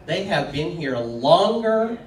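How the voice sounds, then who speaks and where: A man in his sixties giving a relaxed, joking public talk with plenty of fillers, putting questions to an audience. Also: fairly high pitch, slow. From United States. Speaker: speaker. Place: community meeting room. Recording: echoey room from far off, faint background noise.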